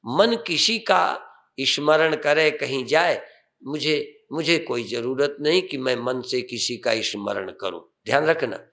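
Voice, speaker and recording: Slow gravelly older swami guiding meditation. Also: male voice, medium pitch. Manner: slow, calm instructions with rising emphatic phrases. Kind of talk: guided meditation sermon.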